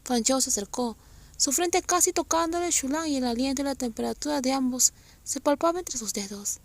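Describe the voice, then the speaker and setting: A woman narrating a romance novel aloud, speaking softly and often half-whispering. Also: high-pitched, a little fast.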